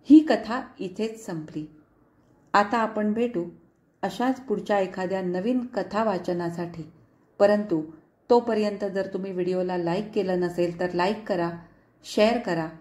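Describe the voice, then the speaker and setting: A woman's voice: medium pitch, unhurried, darkish tone. A woman storyteller reading a story aloud in a tender, pleading, letter-like manner. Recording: echoey room.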